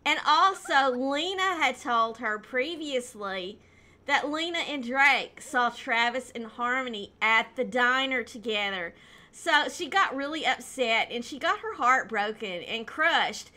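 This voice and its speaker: A woman's voice: high-pitched, lively intonation, measured pace, sharp tone. A woman casually narrating a life-simulation game, telling the story in a chatty way with lots of "you know" and "um". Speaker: gameplay narrator.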